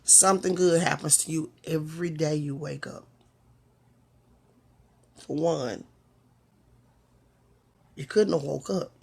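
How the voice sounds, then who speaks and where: Her lowish voice is gravelly and husky as this woman, hosting her own talk, works through a reflective motivational monologue. She takes her time, pauses, and keeps asking the listener rhetorical questions.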